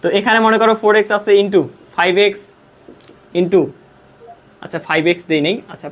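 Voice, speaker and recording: Talking a little fast, a young man with a high, somewhat bright voice teaches math online. His accent is Bangladeshi Bengali, he drops English math terms into Bengali, and he explains step by step while answering his own questions.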